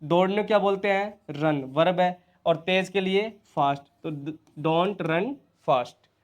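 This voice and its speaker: Male teacher, Hindi accent, high-ish voice, drills students with repeated questions. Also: measured pace. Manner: repeats questions to students and answers them himself. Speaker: English teacher. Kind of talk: spoken English lesson in Hindi.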